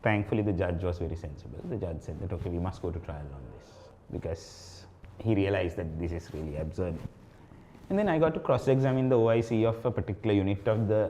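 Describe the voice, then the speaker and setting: A man's voice: fairly low pitch, mellow, slight background noise. A man with a Sri Lankan accent, a lawyer explaining points and telling anecdotes as an interview guest, with emphatic phrasing.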